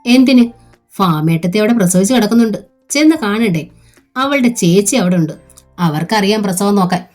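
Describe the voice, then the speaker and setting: Woman doing a drunk callous husband, curt and dismissive, mellow voice, faint music. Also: medium pitch, expressive, moderate pace, close to an everyday voice.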